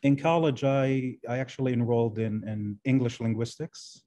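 A Kuwaiti man in his forties, a translation professor whose first language is Arabic, is a guest answering interview questions over a video call from an indoor room. His voice is medium-pitched and warm, with a moderate pace. He answers hesitantly, with many fillers and restarts.

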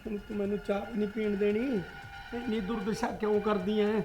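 A man's voice: sits high, flat delivery, brisk, a little mellow, soft background music, close to an everyday voice. An actor playing an older farmer grandfather who pleads tearfully with his wife in a short drama. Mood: pleading.

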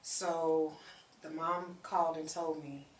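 A woman's voice: low-pitched, level tone, slow, far from the mic. A woman guest who runs a charity group, talking earnestly and with feeling about her work. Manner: earnest, emotional when telling stories. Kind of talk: casual interview chat. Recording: echoey room, voice off-mic, faint noise.

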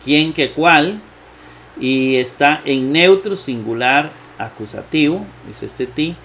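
A man teaching Greek grammar in a slow lecture, thinking aloud with many fillers and asking himself rhetorical questions. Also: fairly high pitch, a bit bright, slight background noise. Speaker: Bible exegesis teacher.

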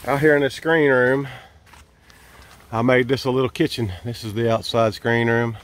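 A vlogger walks through his campsite and into a large tent, filming himself on a handheld camera whose built-in mic picks him up. His voice is medium in pitch, steady in tone, and at a normal speed. The tour is casual and folksy, delivered in an easygoing way with hesitations and fillers.

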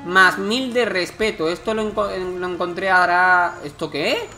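Guy commenting on a game, chatty and jokey, game music loud behind him. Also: sits high, steady tone, normal speed. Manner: chatty, joking, exclaims at the game. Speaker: gameplay commentator. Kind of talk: casual let's-play commentary.

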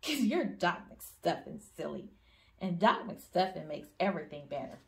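A woman voicing a trusting, bossy six-year-old girl patient with a high, excited child's voice. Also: a little slow, vocal fry, exaggerated voice. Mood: sweet, trusting.

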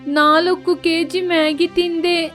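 A woman's voice: extremely high pitch, flat delivery, takes it slowly, fairly bright tone, faint music behind, voice pushed up, full character voice. A woman voicing a noodle-obsessed, silly young daughter-in-law who whines and complains. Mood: pained. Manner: whiny, complaining.

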